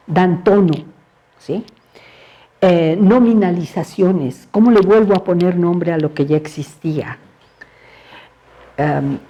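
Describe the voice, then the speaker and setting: A woman lectures on philosophy in a university seminar room, speaking slowly with a dark, mellow tone. She keeps it conversational and often pauses to check in with her listeners. Now and then she acts out examples in a playful, higher voice. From Mexico. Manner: conversational, asks "¿sí?" to check the audience.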